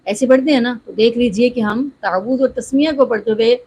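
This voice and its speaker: A woman teaches Quran recitation step by step, explaining each sound, demonstrating with slow, drawn-out recitation and regularly checking in with the listener. Her voice is a little high with a dark tone, and the low-quality recording carries a little hiss or hum.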